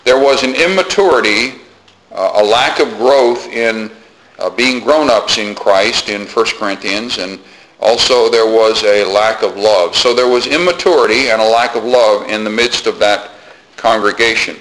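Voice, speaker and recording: A man preaching a sermon to his congregation in a measured way, often pausing with "uh" between thoughts. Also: fairly low pitch, poor audio. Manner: measured, with frequent "uh" pauses; soft-spoken in prayer.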